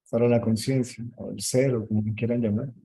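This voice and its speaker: A man teaching spirituality in a question-and-answer meeting, explaining calmly and often checking in with a short "yes?". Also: mid-range voice, brisk, vocal fry, slightly rough, rough recording.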